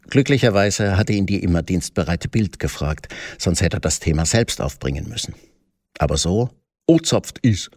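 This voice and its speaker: A man's voice: sits low, a little mellow, dry recording, clean studio sound. A man reading scripted satirical commentary with a sardonic, mock-pompous delivery.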